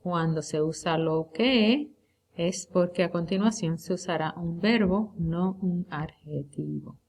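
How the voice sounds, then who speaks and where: Slow, deliberate woman teaching Spanish. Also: on the low side, a little mellow, slight background noise. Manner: slow and deliberate, drawing out example words. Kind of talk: recorded lecture review.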